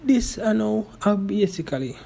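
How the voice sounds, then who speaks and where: A man's voice: sits high, animated, normal speed, gravelly, dark tone. A man giving loose, chatty commentary as the channel host. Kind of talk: casual commentary.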